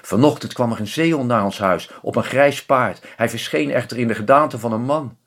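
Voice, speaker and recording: A man reading a brave young girl from a storybook, earnest and pleading. The voice is slightly husky and sits a little higher than his narration. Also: moderate pace, lightly acted. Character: brave young red-haired girl, loving daughter.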